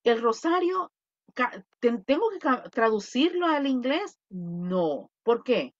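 A woman leads an online English class, speaking slowly and deliberately. She patiently drills pronunciation and draws answers out of her students. Her voice comes through slightly muffled video-call audio. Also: a little high, big pitch swings, no room sound. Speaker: English teacher. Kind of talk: online English lesson in Spanish.

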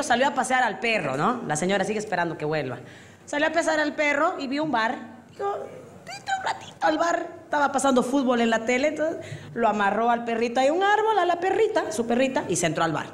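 A Bolivian woman performing an animated stand-up comedy routine, acting out drunk characters with big voice swings. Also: fairly high pitch. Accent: Bolivian Spanish. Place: comedy stage before a live audience.

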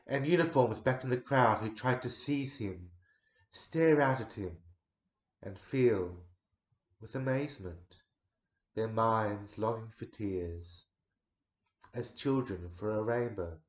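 A man in his forties giving a dramatic poetry recital, measured, swelling loud and sinking to a near hush. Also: on the low side. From Australia. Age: 40s. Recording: roomy echo, dull lo-fi sound.

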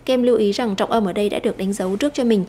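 A Vietnamese woman teacher explaining an English lesson, slowing down to read English phrases aloud. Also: mid-range voice, mellow.

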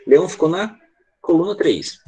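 A man's voice: fairly high pitch, lively intonation, normal speed, warm tone, husky. A man teaching an online English lesson to children, patient and constantly checking in with short questions. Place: online class over a video call.

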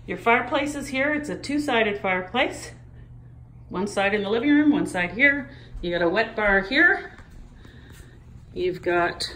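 Chatty woman giving a slow house tour. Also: mid-range voice, fairly bright tone, a little hiss or hum. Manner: chatty, pointing things out while walking. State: a little out of breath. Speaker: real estate agent. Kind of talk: walking house tour narration. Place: large house indoors.

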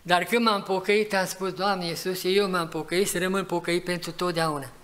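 Old guy in his 80s preaching in church, highish voice, storytelling then pushing hard. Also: steady tone. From Romania. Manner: tells stories, rising to loud exhortation. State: sweating. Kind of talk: farewell sermon with testimony. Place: church hall. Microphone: live church recording.

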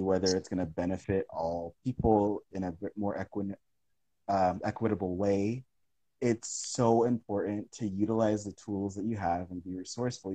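A young adult man, an artist, chats casually on a live-stream video call from home, holding his phone close to his face. His lowish voice is mellow and slightly rough, and he rambles thoughtfully with lots of fillers and restarts. The recording is low quality but has no echo.

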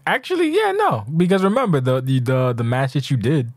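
A man's voice: medium pitch, sing-song, brisk, dry recording. A man hosting a casual podcast, often laughing, exasperated and swearing freely. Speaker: podcast host and league owner.

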